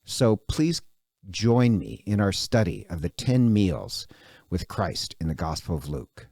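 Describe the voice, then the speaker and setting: A man speaking as a priest, introducing his parish class in a loose, conversational way. His voice is low-pitched yet lively and swooping. The sound is dry and close. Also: a little slow, vocal fry, no echo. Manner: animated, conversational, with restarts and fillers.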